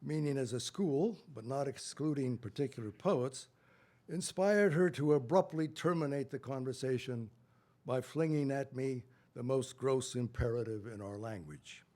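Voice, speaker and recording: An older man giving a solemn, deliberate reading at a memorial event, with measured phrasing. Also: medium pitch, mellow. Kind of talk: solemn reading of a poem aloud.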